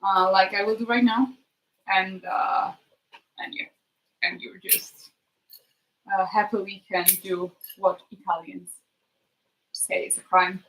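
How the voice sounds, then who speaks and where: A woman chatting casually to her live stream while she cooks, thinking aloud in a halting way and trailing off. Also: medium pitch, flat delivery, fairly bright tone. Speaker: streamer hosting a live cooking chat. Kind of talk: casual chat while cooking. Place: kitchen, next to the sink. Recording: noisy kitchen with clicks. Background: cooking noises and clicks.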